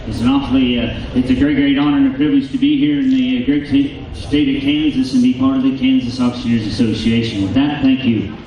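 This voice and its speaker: An American man, an auctioneer in competition, formally addressing an audience in a halting way, repeating words. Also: mid-range voice, fairly even intonation, dark tone, distant mic. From Nebraska, United States. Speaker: auctioneer, championship contestant. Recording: very echoey hall from afar, faint noise.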